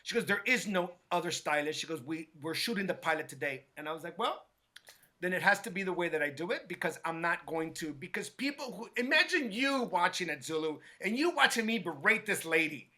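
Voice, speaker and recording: A man's voice: high voice, brisk. Guy hairstylist telling a story, acts out the quotes, lots of restarts. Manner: acts out quotes with lively voices, many restarts. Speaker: hairstylist guest. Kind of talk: animated storytelling.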